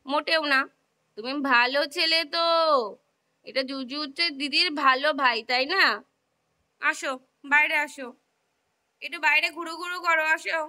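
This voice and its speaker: A woman's voice: high-pitched, normal speed, long pauses, bright, forceful tone. A young woman coaxing her pet in casual, sing-song baby talk, cajoling and repeating herself.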